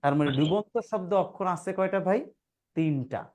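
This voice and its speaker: In a classroom grammar lesson, a male teacher with a high, darkish voice speaks at a moderate pace. He keeps posing rhetorical questions, addresses his students as "brother," and breaks words into syllables as he pronounces them.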